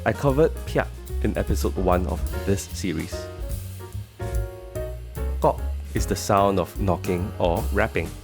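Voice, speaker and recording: Deep-voiced Singaporean man presenting an explainer. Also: animated, measured pace, long pauses. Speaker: host and presenter. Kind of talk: scripted explainer narration. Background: music under the voice.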